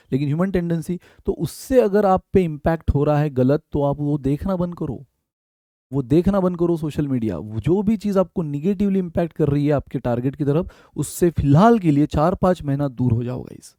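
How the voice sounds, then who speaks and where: A man's voice: a little high, lively intonation, normal speed, dark tone, no room sound. A young man, an exam prep teacher, giving casual, direct motivational study advice and addressing viewers as guys. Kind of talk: motivational study-tips talk.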